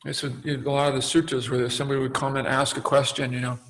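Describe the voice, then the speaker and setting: Gravelly reflective meditation teacher, man. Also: mid-range voice, little pitch movement, a bit bright, rough recording. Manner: halting, reflective, many fillers and restarts. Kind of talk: dharma talk.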